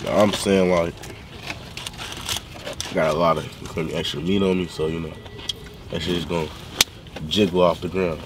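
A man's voice: low-pitched, level tone, normal speed, long pauses, noisy background. A young man in a car rambling in slangy casual chat with friends on a road trip. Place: inside a car. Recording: distant phone mic in a car, music behind.

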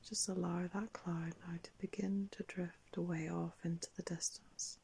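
An older woman narrating a guided meditation like a sleep story, in a soft, breathy whisper, calm and unhurried with long pauses. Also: fairly low pitch. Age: older, around 60s. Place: small indoor room.

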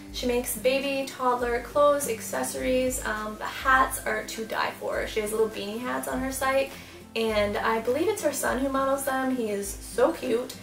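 A young adult mom vlogger sits indoors before louvered doors in a small room, gushing casually about baby clothes to the camera in a product haul. Her voice is on the high side, creaky, and fairly bright, picked up far from the mic in an echoey room. She's bubbly and effusive, saying "super" and "like" a lot.

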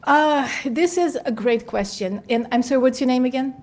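A woman's voice: high-pitched, moderate pace. Woman. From Ukraine. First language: Russian. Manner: animated storytelling. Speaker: guest speaker. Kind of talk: answering student questions.

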